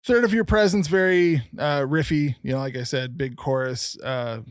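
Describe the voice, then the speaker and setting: A man's voice: a little high, moderate pace, clean tone, dry recording, clean studio sound. A young man co-hosting a casual album review podcast, rambling with lots of "um" and "like" fillers. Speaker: podcast co-host.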